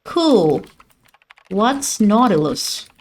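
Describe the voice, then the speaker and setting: A woman streamer talks back to a game character with sassy, mock-dramatic flair. Her pitch swings widely, and she takes her time between lines. The audio sounds a bit rough. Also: very animated, drawn-out words, a little mellow. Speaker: gaming streamer. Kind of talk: let's play commentary.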